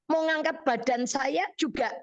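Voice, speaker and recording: A middle-aged woman evangelist with a Javanese accent, telling a personal testimony on a radio counseling show, animated and acting out what she said. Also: high-pitched, a little slow, vocal fry, dry recording. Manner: animated storytelling, acts out her own quoted words. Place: radio studio.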